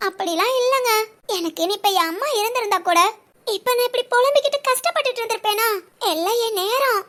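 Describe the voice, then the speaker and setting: A woman's voice: fast, fairly bright tone. A woman voicing a young wife in a family audio drama, lamenting and self-pitying in a girlish voice. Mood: gloomy. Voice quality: very high, girlish voice.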